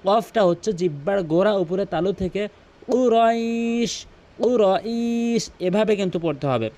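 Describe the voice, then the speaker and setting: A man teaching Quran recitation, explaining pronunciation and then reciting phrases slowly and drawn out. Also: high voice, mellow. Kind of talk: tutorial on Arabic pronunciation.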